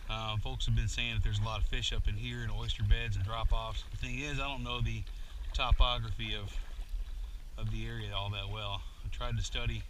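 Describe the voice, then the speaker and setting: Guy, bright tone, rambling and self-deprecating, talking to an action cam on his kayak. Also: on the low side, flat delivery, fairly quick, slight background noise. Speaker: kayak angler vlogger. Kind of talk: casual narration while paddling. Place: outdoors on a kayak on a bay. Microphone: action camera mounted on the kayak.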